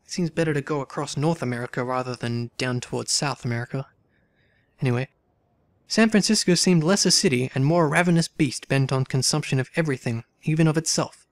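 A man hosting a let's play, reading the game's story text aloud and adding wry, relaxed asides. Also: medium pitch, a little fast, no echo.

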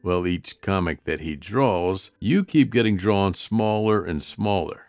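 Man as a very deep, weary cartoon guard dog. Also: measured pace, dry recording. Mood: deadpan, weary. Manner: deadpan, weary. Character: big gruff, patient guard dog, secretly kind.

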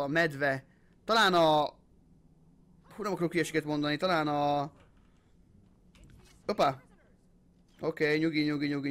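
This young man commentates his gameplay with a high voice, hyping himself up and dropping curses. He throws English gamer phrases into his talk and gets loud in fights. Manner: excitable, swearing, hyped-up shouting. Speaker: gaming channel host. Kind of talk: let's play commentary.

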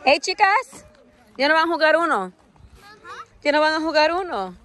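A woman's voice: high voice, very animated, moderate pace, a bit bright. A young woman filming a camp outing on her phone outdoors, chatting casually and cheering people on with frequent laughs. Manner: cheers players on, laughs often. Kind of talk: casual camera commentary, mixing Spanish and English. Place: outdoors at a forest camp, grassy field. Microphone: phone camera held by the speaker.

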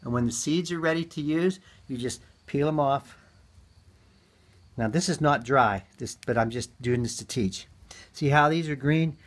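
A man's voice: medium pitch, moderate pace. Folksy man teaching seed saving. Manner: folksy, chatty, many ums and uhs. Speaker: gardening teacher. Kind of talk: casual hands-on demonstration.

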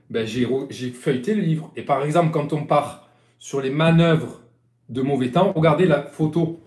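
Chatty Marseille sailing coach, roomy echo. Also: male voice, on the high side, dark tone. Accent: Marseille French. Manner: chatty, rambling, repeats and restarts. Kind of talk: casual live-stream lesson. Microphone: live-stream phone or webcam.

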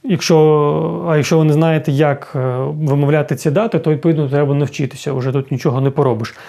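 A man's voice: a little high, fairly even intonation, quick pace, vocal fry, mellow. A man explaining English restaurant phrases in a casual online lesson, often checking in with his viewers. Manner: explanatory, often adds "так?" and "друзі". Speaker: English teacher.

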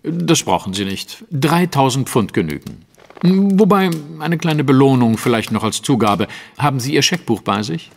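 Self-assured Sherlock Holmes, animated delivery. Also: male voice, medium pitch, normal speed, in a large hall. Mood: brisk, assured. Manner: precise, authoritative, theatrical. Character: Victorian master detective, self-assured, composed and commanding. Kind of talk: German audio drama acting. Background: music.

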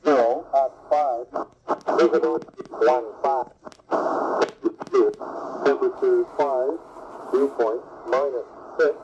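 A man reads out aviation weather figures at a very slow, clipped pace, one number at a time. His voice comes through shortwave single-sideband radio and sounds muffled. Heavy static hiss sits under every word. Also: mid-range voice, fairly even intonation, darkish tone. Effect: shortwave single-sideband radio reception. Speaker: aviation weather broadcast announcer.

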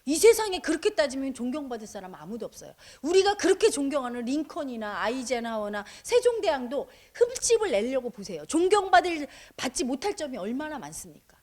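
A woman teaching meditation speaks in a high voice that swings up and down with great animation. She lectures her audience emphatically and keeps putting questions to them. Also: sing-song, fairly quick, few pauses, darkish tone. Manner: acts out parents in quoted asides.

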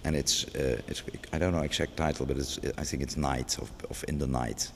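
A middle-aged museum curator gives an unscripted interview inside a large gallery, hesitating with many restarts and fillers. His bass voice is steady, brisk, and creaky, with long gallery reverb and faint background noise around it.

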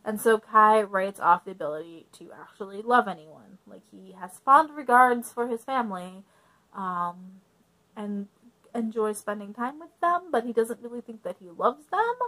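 A woman's voice: mid-range voice, animated, normal speed, fairly bright tone, low-quality recording. A young woman talking casually through a book review, friendly and chatty, with frequent ums and likes.

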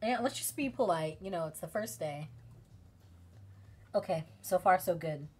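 Husky woman streaming a dating game. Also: on the low side, normal speed. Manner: animated, gushing and joking between calm narration. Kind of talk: reading a dating game aloud with reactions.

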